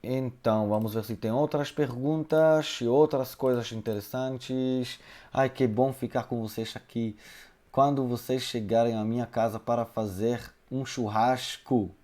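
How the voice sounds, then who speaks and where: Teaching Hebrew live online from his home, a man whose first language is Hebrew responds to viewers' questions, pausing often and adding tag questions. He speaks a little slowly in a mellow, mid-range voice with fairly even intonation.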